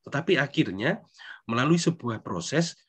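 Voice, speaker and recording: A middle-aged man from Indonesia, speaking as a priest at a recollection gathering. He talks in a conversational, self-deprecating way and keeps adding friendly tag questions. His pitch sits in an ordinary middle range. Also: expressive, moderate pace, fairly bright tone, slightly rough. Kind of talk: recollection talk. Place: church hall.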